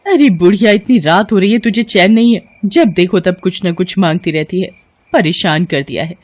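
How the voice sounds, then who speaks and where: A woman voicing a vain, spiteful young sister-in-law who talks in a shrill, haughty way in a cartoon story. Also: lively intonation, normal speed, darkish tone, dry recording, close to an everyday voice. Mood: nasty.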